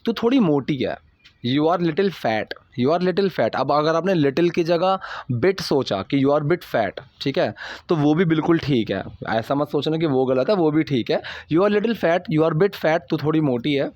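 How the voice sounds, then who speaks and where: A young adult man teaching English in a casual, patient way, reading English example lines slowly and checking in with listeners often. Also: fairly high pitch, animated, a little mellow, lo-fi sound. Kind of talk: Hindi-language English lesson explaining subtitle lines.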